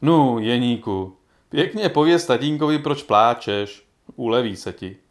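Kind old granny, gentle and wise, read by a man, storybook. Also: medium pitch, animated, close to an everyday voice. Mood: kindly. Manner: gentle, smiling delivery. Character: warm old grandmother, kindly and wise.

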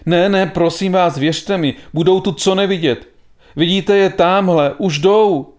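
A man's voice: a little high, pitched above the performer's own voice, lightly acted. A man voicing a frightened, earnest young boy who pleads urgently. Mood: desperate pleading.

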